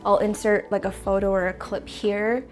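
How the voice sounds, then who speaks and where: In her apartment plant room, a sniffly plant vlogger with a stuffy nose shifts houseplants around. Her voice is medium-pitched and darkish with little pitch movement at a moderate pace, over soft background music, and she chats casually, rambling a little and self-correcting.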